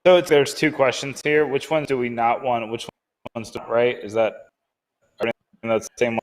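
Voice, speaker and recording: A man's voice: mid-range voice, fairly even intonation, normal speed, rough recording. A man co-hosting a podcast over a glitchy online call that keeps breaking up, chatting casually with restarts and self-corrections. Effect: glitchy call audio that keeps breaking up. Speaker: podcast co-host. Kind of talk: casual chat.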